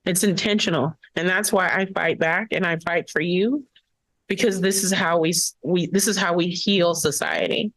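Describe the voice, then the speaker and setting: A woman's voice: on the low side, normal speed, a bit bright, dry recording, poor audio. A woman school board member giving earnest, impassioned remarks at a public meeting.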